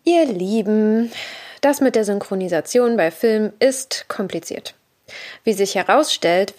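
A woman host chatting excitedly about a film dub, firing off rhetorical questions. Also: fairly low pitch. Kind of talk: casual commentary on a film dub.

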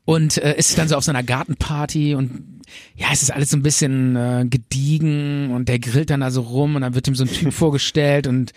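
A man's voice: medium pitch, fairly even intonation, brisk, a little mellow, dry recording, studio quality. A man in a casual chat, rambling with many fillers and restarts while retelling scenes and acting out the quotes.

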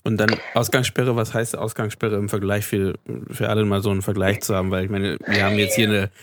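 A man's voice: on the low side, flat delivery, quick pace, background noise. A man interviewing a guest, asking loose, casual questions and restarting his sentences.

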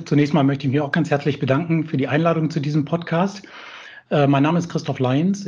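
A man's voice: medium pitch, a little mellow, husky, muffled recording. A middle-aged man, a professor, introducing himself courteously as a guest over a remote line. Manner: courteous, explanatory. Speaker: professor and institute director, guest. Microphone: remote connection.

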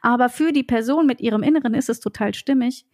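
A woman voice coach explaining calmly and reflectively in a podcast conversation, laughing now and then. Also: on the high side, quick pace.

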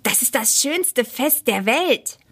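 A cheeky little Christmas elf boy, brash and quick-tempered, huffing with playful indignation, as a woman puts him on in a storybook. His voice is pitched up and punchy. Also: lively intonation, a bit bright, husky, exaggerated voice. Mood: huffy. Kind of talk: storybook reading.

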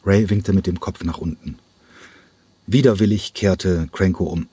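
A man narrates a novel at a steady, measured pace. His voice is low and somewhat husky, recorded dry and close with no room sound. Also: no room sound. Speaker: audiobook narrator. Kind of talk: scripted narration.

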